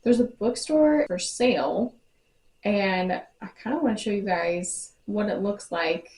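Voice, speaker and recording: A young woman vlogging about books in a chatty, relaxed way, her voice at a medium pitch and caught with noticeable room echo. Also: measured pace, a little hiss or hum. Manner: chatty, frequent "like" fillers. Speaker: book vlogger. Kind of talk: casual vlog chat. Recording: roomy echo.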